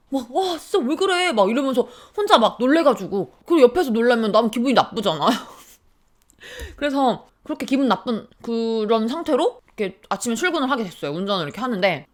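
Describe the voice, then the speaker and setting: A young woman telling a story in a casual chat, acting out the quoted lines as she goes. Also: mid-range voice. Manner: sips a drink while chatting. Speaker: vlogger.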